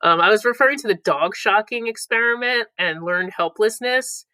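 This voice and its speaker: This playful teacher has a bright, forceful mid-range voice and talks at a normal speed, captured on a rough recording with no echo. She runs a review lesson, breaking into goofy voices whenever she reads a clue line between explanations.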